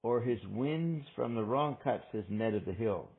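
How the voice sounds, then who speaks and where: Man reading as a gravelly, quarrelsome questioner. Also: medium pitch, expressive, normal speed, phone-quality sound, lightly acted. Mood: questioning. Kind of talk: reading literary dialogue aloud.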